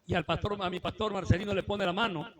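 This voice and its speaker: A man preaching a sermon testimony to a congregation, building from calm storytelling to shouted fervor. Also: sits high, quick pace, very noisy. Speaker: evangelist preacher. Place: church with congregation. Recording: live church recording with crowd.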